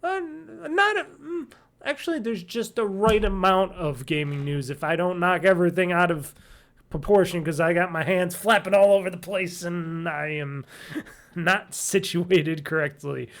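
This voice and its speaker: Solo gaming podcast host, male, nasal and high-pitched, rambling and self-deprecating, desk mic at home. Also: a little slow, fairly bright tone. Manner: rambling and jokey, laughs at himself. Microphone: desk mic at home office.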